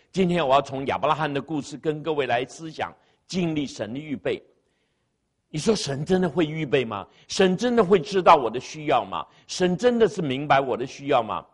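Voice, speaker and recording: A man's voice: a little high, husky. A man preaching a sermon in church into a microphone, repeating key phrases for emphasis and calling on the congregation to answer aloud. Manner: engaging the congregation, asking them to answer aloud. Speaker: pastor. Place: church sanctuary with sound system. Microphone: amplified microphone.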